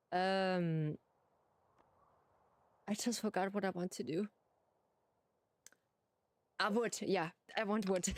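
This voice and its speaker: A woman streamer with a German accent and a mid-range voice plays a farming game, chatting playfully with her viewers in simple, halting English.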